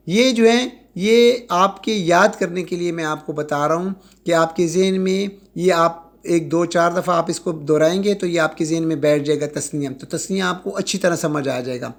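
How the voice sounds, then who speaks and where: Guy with a high voice teaching grammar, stretches out example words, keeps asking if you got it. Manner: slow, drawn-out repetition of example words; checks in with "ٹھیک ہے؟". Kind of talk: recorded grammar lecture.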